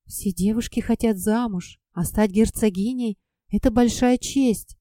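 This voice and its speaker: A woman voicing a gentle, soothing middle-aged mother who speaks softly and conciliatorily. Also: fairly high pitch, unhurried, no room sound, studio quality, close to an everyday voice. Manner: soft, hushed, conciliatory.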